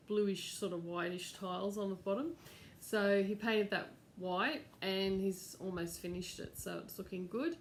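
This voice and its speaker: A woman's voice: fairly low pitch, a little hiss or hum. A middle-aged woman, hosting a crafts channel in a casual, rambling chat at home with lots of fillers. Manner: chatty, rambling, with fillers and laughs. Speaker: cross-stitch channel host.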